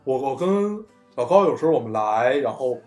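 Animated man host in a roomy room. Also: medium pitch, normal speed, soft background music. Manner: eager storyteller, chimes in with short agreements. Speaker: podcast host. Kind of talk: casual chat.

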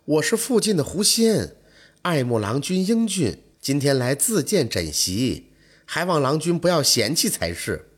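Sly fox spirit girl, put on by a male storyteller, husky, coaxing, teasing, lively pitch. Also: a little slow, full character voice. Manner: coaxing, teasing, later spiteful. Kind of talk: storytelling role voice.

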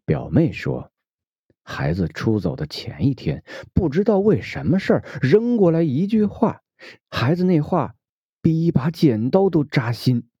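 A man reading a prose essay aloud slowly and expressively, recorded dull and dry. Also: a little high, husky, dry recording. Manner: slow, heavily expressive reading. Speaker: reader.

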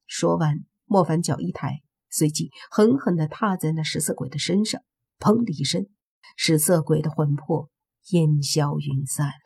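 Husky audiobook narrator of fight scenes. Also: mid-range voice, darkish tone. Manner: brisk, dramatic action telling. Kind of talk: web novel audiobook narration.

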